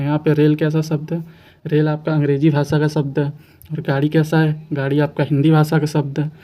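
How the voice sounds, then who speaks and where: Mellow-voiced male exam coach, flat delivery. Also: on the high side. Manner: patient, repeats questions and answers, asks rhetorical questions. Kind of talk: explaining quiz answers to students.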